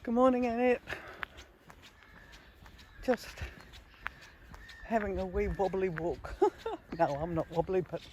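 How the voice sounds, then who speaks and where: This New Zealand vlogger has a warm, mid-range voice, though the recording's highs are cut off. She chats admiringly and without hurry while walking a hilly rural road, a little breathless, on a handheld camera that catches ambient noise.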